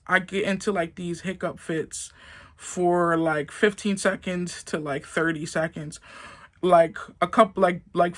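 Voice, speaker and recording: A woman's voice: on the low side, fairly bright tone. A young woman telling a casual story to the camera, rambling and filling with "like". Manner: rambling, heavy use of "like". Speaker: vlogger.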